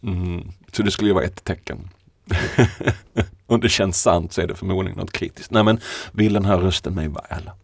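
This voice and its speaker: A man's voice: low voice, fairly even intonation, vocal fry, slightly rough, dry recording. A poet being interviewed, a man talking in a thoughtful, musing way and laughing often. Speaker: poet, podcast guest. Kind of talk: reflective conversation.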